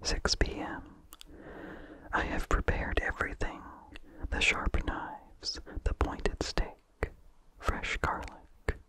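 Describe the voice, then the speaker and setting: Someone reads a vintage horror story aloud for ASMR, whispering in a hushed, breathy way with slight mouth sounds, slowly and deliberately. The audio quality is poor.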